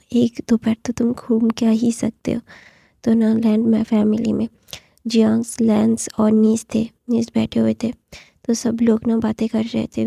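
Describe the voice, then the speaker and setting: A woman retelling a fan story, talking softly and often half in a whisper, with many fillers. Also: on the high side, creaky, husky, dry recording, studio quality.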